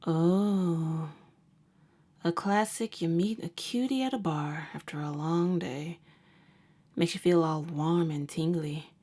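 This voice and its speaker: In an ASMR roleplay audio drama, a woman voices a jaded, sardonic vampire hunter who works as a nurse. She speaks in a wry, casual, slangy, unhurried way, her voice on the low side and mellow.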